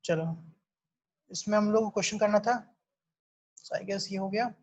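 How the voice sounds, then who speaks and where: A woman's voice: medium pitch, fairly even intonation, normal speed, darkish tone, dull audio. A woman teaching a chemistry class, explaining step by step and checking in with her students often. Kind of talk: online class lecture, mixing Hindi and English.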